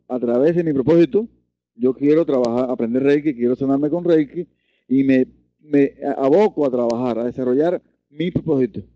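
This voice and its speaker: A man's voice: dark tone, no echo, rough recording. A man teaching a Reiki lesson, earnest, often repeating and restarting his words. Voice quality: deep voice. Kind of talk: online lesson.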